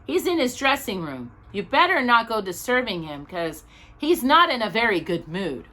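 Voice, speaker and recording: A woman voicing a busy, gruff male stagehand in a storybook, blunt and colloquial. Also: on the high side, big pitch swings, moderate pace, sharp tone, voice pushed up, exaggerated voice. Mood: dismissive.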